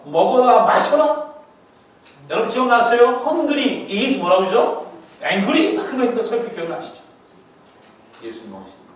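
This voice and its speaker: A middle-aged male pastor preaching a sermon in a lively way, acting out voices and putting questions to his congregation. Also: fairly high pitch, a little hiss or hum. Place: large church sanctuary. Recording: echoey hall, mic far from the speaker.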